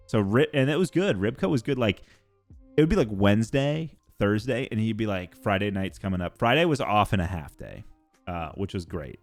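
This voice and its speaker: A man's voice: lowish voice, dry recording. A young adult man streaming, chatting casually and rambling with lots of fillers and casual swearing. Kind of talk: casual chat.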